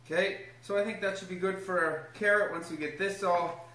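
A man's voice: high-pitched, steady tone, a little fast, sharp tone, slight background noise. Upbeat young man teaching in a kitchen. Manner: upbeat, encouraging, talks to a small child while explaining steps. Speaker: home cooking host. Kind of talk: casual cooking demonstration. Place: home kitchen, indoors. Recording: echoey kitchen room.

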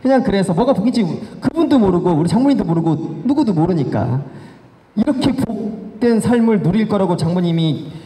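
A man's voice: high-pitched, fairly quick. A middle-aged man telling stories at a talk concert, acting out family members' lines as he goes. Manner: animated, acts out family quotes in changing voices. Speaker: guest speaker. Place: large hall with audience. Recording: echoey hall reverb.

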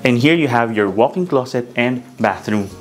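Guy in his 30s doing a walkthrough house tour, salesy and upbeat, quiet music in the back. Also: mid-range voice, animated, normal speed. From Philippines. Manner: upbeat, polished salesman pointing out features. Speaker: real estate broker giving a house tour. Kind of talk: walking house tour narration. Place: bright empty townhouse rooms indoors.

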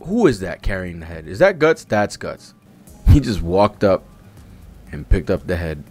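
Speaking into a close desk-arm microphone in a small indoor streaming space, a manga reaction streamer in his thirties reads panels aloud with slangy, profane, casual commentary. His voice sits low and darkish, with big pitch swings at a moderate pace, and soft music plays behind him.

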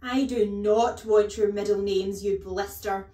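A woman's voice: medium pitch, measured pace, darkish tone, lightly acted. A woman voicing a huge, bullying headmistress who barks contemptuous commands and insults in a children's storybook reading. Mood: furious. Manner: barking, bellowing commands, contemptuous. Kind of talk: children's storybook read-aloud. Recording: echoey room.

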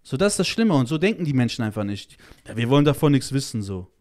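A man's voice: mid-range voice, big pitch swings, fast, darkish tone. A man speaking as a podcast guest in casual conversation, blunt and crude, full of slang and swearing, heated and emphatic. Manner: blunt and crude, heavy slang, swears, keeps saying "Alter". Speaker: guest, child-protection activist.

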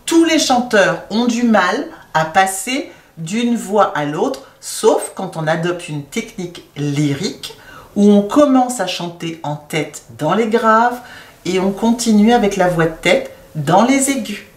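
Lady singing teacher explaining head voice, slow and patient, echoey room a bit off mic. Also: mid-range voice, animated, distant mic. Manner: slow, explanatory, demonstrates sung notes. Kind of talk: vocal lesson with sung demonstrations.

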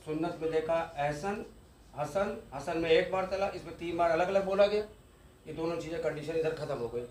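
A man's voice: on the high side, fairly quick, a little mellow, roomy sound, slight background noise. A man giving an exam-focused law lecture, explaining step by step and repeating key terms, with English legal words mixed in.

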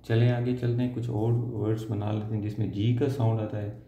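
A man teaching a shorthand lesson step by step, slow and patient, trailing off softly as he draws each symbol. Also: lowish voice, flat delivery, slight background noise. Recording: dull lo-fi sound in an echoey room.

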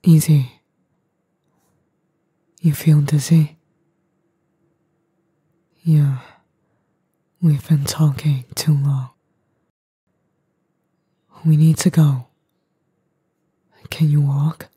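A woman voicing an edgy young boyfriend, gruff but tender and worried, in a breathy, husky, halting ASMR role-play. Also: deep voice, flat delivery, warm tone, dry recording, full character voice. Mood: gently insistent.

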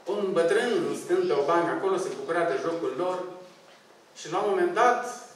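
A man's voice: high voice, recorded from a distance, a little hiss or hum. A man with a Romanian accent preaching a sermon in church, telling stories and pleading earnestly with the congregation. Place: church hall. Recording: very echoey church from afar, faint ambience.

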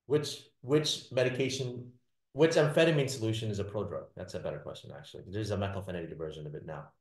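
A man's voice: on the low side, quick pace, echoey room. A man teaching a class, repeating his points and checking in with the students with "all right?" and "does that make sense?". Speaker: lecturer. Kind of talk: classroom lecture.

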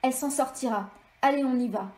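A woman's voice: high voice, a little fast, mellow, close to an everyday voice. A woman reading aloud and voicing a stern, terse male rebel leader from her novel, in clipped orders. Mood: curt. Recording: echoey room.

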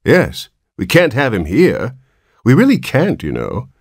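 A man voicing a stern, lively-pitched hospital nurse woman. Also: measured pace, vocal fry, no room sound, clean studio sound, full character voice. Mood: insistent. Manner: severe, indignant, insistent.

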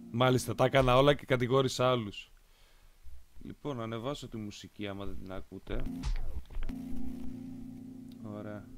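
A man's voice: medium pitch, steady tone, pauses often. A man casually commenting while streaming a video game, sometimes muttering to himself. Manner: reads game dialogue aloud in English, muttering asides. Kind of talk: casual let's-play commentary. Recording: game music playing behind. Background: guitar music from the game.

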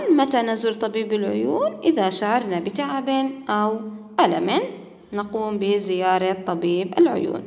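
A woman teacher explains a lesson to her students at an ordinary pitch. She is patient and says key words twice, slowly and clearly. A long reverb trails behind her voice, as if she is recording in a large hard room. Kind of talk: classroom lesson explaining exercises.

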